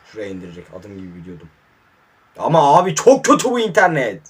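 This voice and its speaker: A man commentating his own mobile football match, muttering in frustration and breaking into sudden excited outbursts, hot and sweating in a warm room. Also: mid-range voice, quick pace, heavy background noise. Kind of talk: casual live gameplay commentary.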